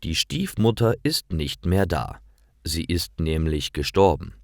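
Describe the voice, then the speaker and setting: A man with a deep, low voice tells a fairy tale at a careful, slow pace. His intonation is very lively, rising and falling expressively. The sound is dry and close to the mic. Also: no echo. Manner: slow, clear, lively storytelling. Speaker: storyteller. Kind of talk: slow fairy-tale narration for German learners.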